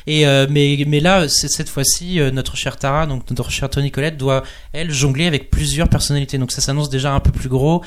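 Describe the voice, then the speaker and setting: Man with a smooth, resonant voice. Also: a little high, steady tone. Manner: wry, halting with fillers. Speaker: podcast co-host. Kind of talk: casual chat about TV series.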